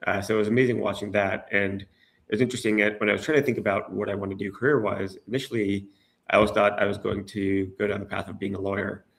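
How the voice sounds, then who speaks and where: Gravelly, low-voiced man, hesitant. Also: flat delivery, fast. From United States. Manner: hesitant, many restarts and fillers. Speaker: guest. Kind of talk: casual interview.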